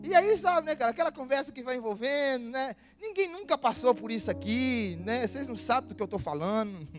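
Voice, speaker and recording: A young man with a Brazilian accent, preaching a sermon in church, telling stories in a lively, joking way and laughing often. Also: very high-pitched. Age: young adult. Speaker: pastor. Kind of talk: humorous storytelling sermon. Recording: music playing behind the voice.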